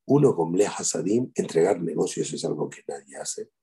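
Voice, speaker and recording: A middle-aged rabbi with an Argentine Spanish accent delivers a eulogy sermon as animated storytelling, repeating his key phrases. His deeply raspy, gravel-filled voice swings widely in pitch at a normal speed.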